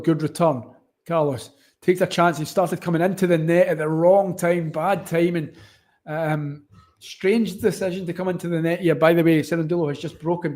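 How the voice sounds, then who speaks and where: A man's voice: on the high side, a little mellow. A man with a broad, thick Scottish accent hosting casual live tennis commentary, wordy and often rewording himself mid-sentence. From Scotland. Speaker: watchalong stream host and commentator.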